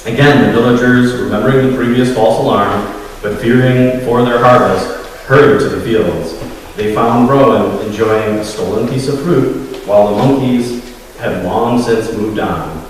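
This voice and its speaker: A man's voice: medium pitch, moderate pace, distant mic. Nervous man telling a story in an echoey hall. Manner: hesitant, many fillers, admits nerves. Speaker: guest speaker at a secular congregation. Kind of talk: storytelling talk.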